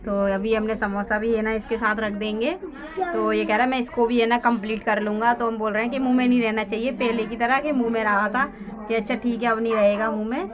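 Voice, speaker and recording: A woman's voice: fairly high pitch, fairly quick, dull audio, a crowd in the background. A woman narrating a family vlog, walking through what happens step by step with lots of fillers. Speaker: family vlogger.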